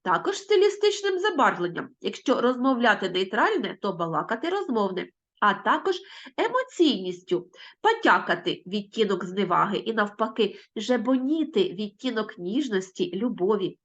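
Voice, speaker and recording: A woman's voice: mid-range voice, big pitch swings, normal speed, a bit bright. A Ukrainian woman teacher giving an online lesson to children, explaining patiently and asking them questions. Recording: dull lo-fi audio.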